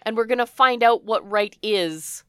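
Casting: woman, casual book-talk co-host, husky smoker-like rasp, congested, close dry sound. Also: a little high, normal speed, dry recording. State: congested sinuses, cough-prone from smoky air. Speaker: podcast co-host.

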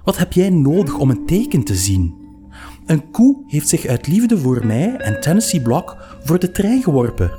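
An excitable, stubborn young woman bursts out in a high, loud voice, as a male narrator puts her on. She gushes and snaps by turns in a storybook reading. A faint guitar plays underneath. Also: moderate pace. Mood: snappish. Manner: high-pitched, laughing and exclaiming.

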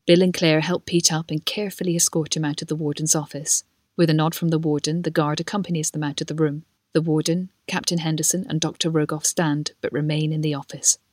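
A woman's voice: sits low, flat delivery, brisk, a little mellow, no room sound. A woman narrating, reading screenplay stage directions.

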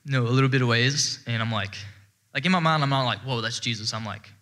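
A man's voice: mid-range voice, fast, fairly bright tone. A young man sharing a rambling, heartfelt testimony to a church audience, full of fillers. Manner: rambling and heartfelt, heavy with fillers, breaks into laughter. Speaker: church speaker giving testimony. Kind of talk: personal testimony to a congregation.

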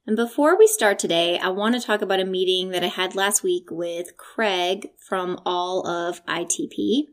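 A woman's voice: fairly low pitch, moderate pace, few pauses. A woman with a New York accent hosting a history podcast, chatty and enthusiastic, with a laugh here and there. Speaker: podcast host and tour guide. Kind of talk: casual podcast narration.

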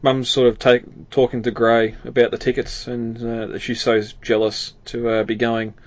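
A man chats loosely about a film, wandering through his thoughts with plenty of fillers and easy chuckles. His voice sits at a middle pitch, and the recording sounds somewhat dull and lo-fi. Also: little pitch movement, normal speed. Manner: rambling, many fillers, chuckles often. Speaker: podcast co-host. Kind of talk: casual film discussion.

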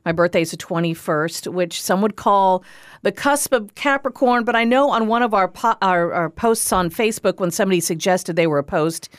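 A woman's voice: mid-range voice, moderate pace, dry recording, studio quality. A woman co-hosting a casual wine podcast, speaking in an enthusiastic, conversational way. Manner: enthusiastic, warm-hearted, conversational. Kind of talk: casual chat.

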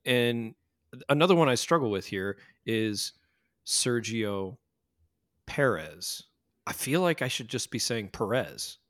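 A man's voice: medium pitch, lively intonation, unhurried, fairly bright tone, dry recording, studio quality. An American man hosting a casual podcast chat, joking and steering the talk. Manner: joking, leads the conversation. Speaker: podcast host.

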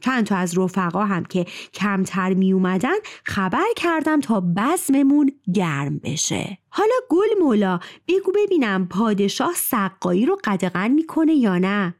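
A woman storyteller voicing a poor, quick-tempered male cobbler who brags loudly. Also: medium pitch, sing-song, lightly acted. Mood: boastful.

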